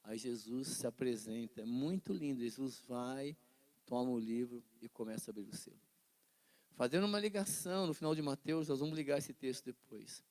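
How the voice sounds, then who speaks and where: A middle-aged man with a Brazilian Portuguese accent teaching an informal Bible class, telling the stories with lively acted-out voices and often checking in with his listeners. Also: mid-range voice, moderate pace, dry recording. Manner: animated storytelling, acts out quoted voices, asks listeners "né?".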